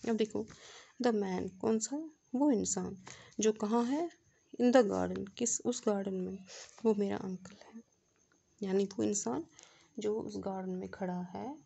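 Woman, grammar teacher, gravelly voice, dark mellow tone, step-by-step explanations, slow read-out examples. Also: mid-range voice. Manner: explains step by step, asks rhetorical check questions; reads English examples slowly and deliberately. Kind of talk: classroom grammar lesson.

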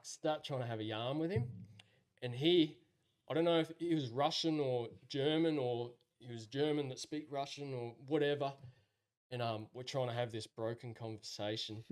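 Australian bloke spinning a casual yarn. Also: male voice, mid-range voice, normal speed. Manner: laid-back larrikin storytelling with rural slang, often chuckling. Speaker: podcast guest. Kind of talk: casual spoken anecdote.

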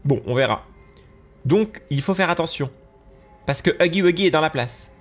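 A young man with a nasal, stuffy voice giving excitable let's-play commentary over a game, gasping and exclaiming as he goes. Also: a little high, moderate pace, soft background music. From France. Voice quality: nasal from allergies. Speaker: gaming YouTuber.

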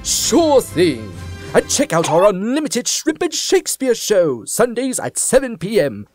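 Casting: pirate performer for a kids' show, high-voiced salesman with hugely animated intonation. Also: unhurried, soft background music, exaggerated voice. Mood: promotional. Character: hired pirate actor plugging his show. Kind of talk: children's puppet show acting.

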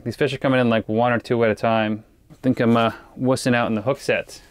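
Talking fast in a medium-pitched, flat voice, a fishing vlogger rambles casually to viewers from a small ice shelter on a frozen lake. An action camera faces him as he speaks. The sound is smooth, with no room sound.

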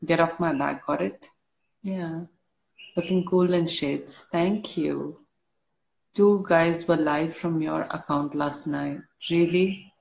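Slow-talking woman on a dull live stream. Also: low-pitched, vocal fry. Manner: slow, relaxed, answers comments one by one. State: a little unwell. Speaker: live-stream host reading fan comments. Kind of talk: casual live-stream chat.

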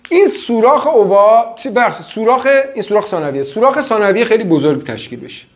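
A man's voice: high-pitched, animated. A man giving a classroom lecture, quizzing his students with frequent questions.

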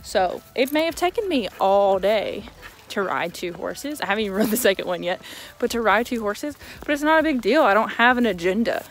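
A woman's voice: mid-range voice, expressive, a little fast, soft background music. Chatty young woman at the barn. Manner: chatty and self-amused, talking with her mouth full at times. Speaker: vlogger and horse owner. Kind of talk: casual chat while doing chores. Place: outdoors at a horse barn.

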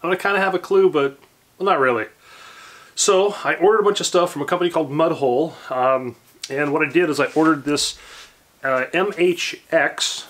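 A man in his forties hosting a casual workshop tutorial, talking in a relaxed, rambling way with many fillers and restarts, recorded in a home workshop on a camera a few feet away. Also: on the high side, moderate pace. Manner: relaxed and rambling, lots of fillers and self-corrections. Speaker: woodworking channel host.

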